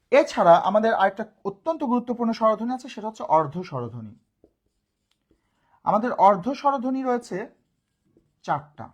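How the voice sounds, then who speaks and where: A grammar teacher, giving a live online lesson, who often asks the class a question and answers it, repeating key points. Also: medium pitch.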